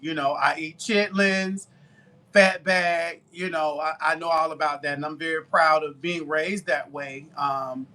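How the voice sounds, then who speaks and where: A man from Alabama with a Southern accent chats casually with viewers while baking and selling on a live stream. He's talkative and warm in a down-home way, his voice a little high, fairly even in intonation, and a little slow.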